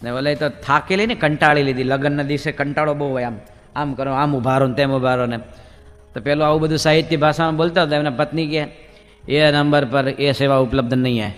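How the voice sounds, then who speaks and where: A monk preacher telling humorous stories in a sermon and acting out the characters. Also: male voice, fairly high pitch, steady tone, quick pace, fairly bright tone. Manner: jokey, acts out the characters. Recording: hall reverb with faint music.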